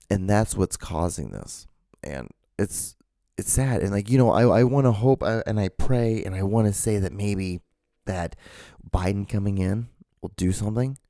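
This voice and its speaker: A man with a fairly low, mellow voice hosts his own show in a casual, emphatic monologue. He talks in halting bursts, full of fillers and restarts. The recording is dry and close. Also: no room sound. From Honduras. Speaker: podcast host.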